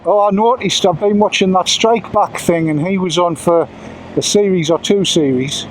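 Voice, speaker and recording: A man's voice: high voice, normal speed, slight background noise, low-quality recording. A man chatting casually while riding a motorcycle, rambling with self-mocking asides. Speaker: motorcycle vlogger. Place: outdoors riding a motorcycle on roads.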